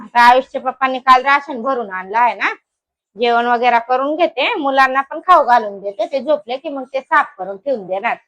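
A young woman from Maharashtra talking casually in a home cooking vlog, coaxing and scolding her small children between soft asides to viewers. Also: high-pitched, moderate pace, lo-fi sound. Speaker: vlogger and mother.

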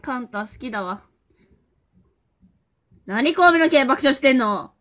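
High-voiced playful woman live-streaming. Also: lively intonation, unhurried, fairly bright tone. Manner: playful, chatty, talking to viewers and plush toys. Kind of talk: casual live-stream chat reading comments.

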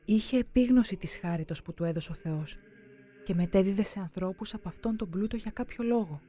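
Solemn narrator with a mellow voice. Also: medium pitch. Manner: solemn, measured reading of saints' testimonies. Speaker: documentary narrator. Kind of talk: scripted narration.

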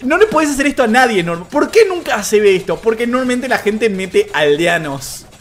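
Argentine man in his thirties, live stream caster, pitch all over the place, quick to swear. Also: slight background noise. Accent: Argentine Spanish. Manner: excitable, swings between calm play-by-play and shouted disbelief; swears casually. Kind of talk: live game commentary.

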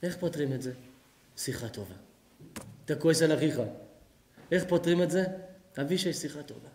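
A rabbi giving a lively sermon, often acting out both sides of imagined conversations. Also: male voice, a little high. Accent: Israeli Hebrew. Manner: animated preaching, acting out both sides of dialogues. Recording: echoey hall.

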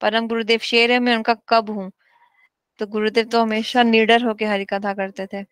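A woman giving a devotional class, reading slowly in English and explaining quickly in Hindi. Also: a little high, level tone, clean tone, dry recording. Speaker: spiritual teacher.

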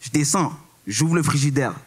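A man's voice: fairly high pitch, moderate pace, background noise. A young man in his twenties with a Québécois accent doing a stand-up set on a club stage, full of slang and English words, often asking if you follow. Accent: Québécois French. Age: 20s. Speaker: stand-up comedian.

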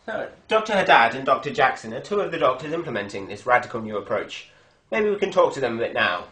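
A man's voice: medium pitch, very animated, fast, pushed and bright. Man acting a parody news anchor, echoey room. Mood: earnest reporting. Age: young adult. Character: earnest male TV news reporter in a spoof. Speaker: TV news reporter. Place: indoor hospital ward, camera microphone at a distance. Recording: echoey room, distant microphone.

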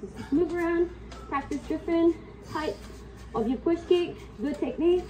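A fitness instructor with an extremely high but dark-toned voice leads a live kickboxing class from her home workout room, sniffly from a cold. She gives brisk commands, coaching cues and counts time, picked up by a distant camera mic with faint room noise.

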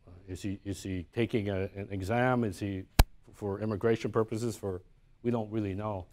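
Low-voiced man lecturing with many restarts. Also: steady tone, normal speed, noisy background. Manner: conversational, often tags points with "right?"; thinks aloud with frequent restarts. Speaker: artist giving a lecture. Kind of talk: live lecture on his own artworks. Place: university lecture room.

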